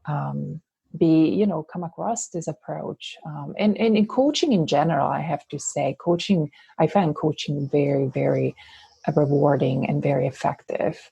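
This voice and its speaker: A woman's voice: deep voice, moderate pace, gravelly, warm tone, husky, dry recording. A woman from Switzerland with a Swiss Italian accent, a guest coach in an interview, talking thoughtfully with many fillers and restarts. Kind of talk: interview conversation.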